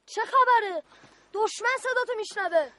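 A woman's voice: very high voice, pushed and bright, dry recording. A woman voicing a bossy young boy who stands guard in a war game, in a radio play, talking in a stern, officious way.

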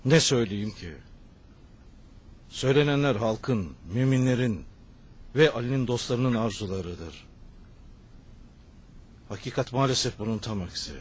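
An actor playing a grave eyewitness in a historical drama, bringing bad news to his companions in a measured, solemn way. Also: mid-range voice, animated, slightly rough. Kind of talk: dubbed historical drama dialogue.

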